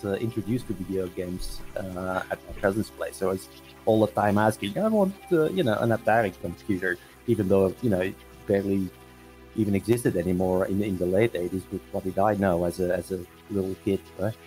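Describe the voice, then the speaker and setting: A man's voice: deep voice, a little fast, darkish tone, faint music behind, poor audio. A man in his forties from Belgium, a guest answering questions in a casual video-call interview, hesitant with many restarts. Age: 40s.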